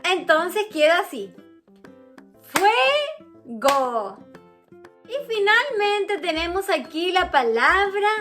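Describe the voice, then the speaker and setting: Woman, teacher, slow and patient, sing-song, stretches key words, faint kids' music behind. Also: very high-pitched, fairly bright tone. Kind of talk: online grammar lesson for children.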